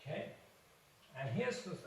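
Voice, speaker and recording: A man, a doctor, slowly coaching home exercises while demonstrating them, a little out of breath. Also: a little high, sing-song, vocal fry, slight background noise. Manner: slow, encouraging, demonstrating while talking. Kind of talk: instructional exercise video. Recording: echoey room, far from the mic.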